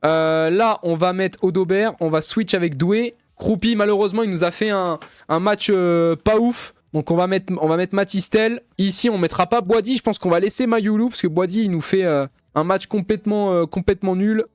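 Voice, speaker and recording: A man's voice: high-pitched, normal speed, clear, resonant tone, dry recording, clean studio sound. A young man casually commentating his football video game career, talking to his viewers with slangy jokes and sudden bursts of cheering. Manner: excitable, swings from mumbling asides to loud cheering; addresses viewers as "les gars", slangy and joking. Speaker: gaming YouTuber.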